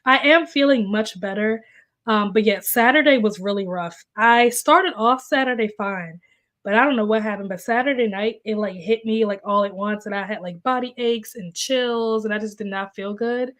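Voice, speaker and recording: Speaking at normal speed in a mid-range, fairly bright voice, a young woman chats through a casual livestream from home on a desk microphone. She's recovering from being sick, so she sounds congested and coughs a little, filling her talk with fillers as she reads and responds to comments.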